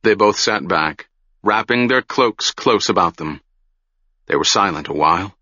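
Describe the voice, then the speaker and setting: A man narrating an audiobook in slow, deliberate storytelling. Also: deep voice, expressive, bright, forceful tone, dry recording, dull audio.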